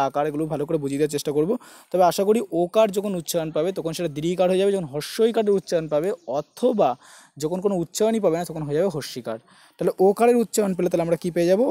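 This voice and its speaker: A man's voice: on the high side, darkish tone, dry recording. A man teaching an online exam-prep lesson, breaking words into syllables for his students and asking them rhetorical questions as he goes.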